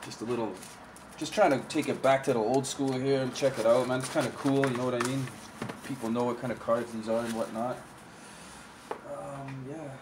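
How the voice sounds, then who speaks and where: There's background noise as a young man, in a mid-range voice of moderate pace and fairly even intonation, casually shows off his old collectible cards. He talks offhand toward a camera mic on the table in a room at home with a shelf of collectibles, often trailing off.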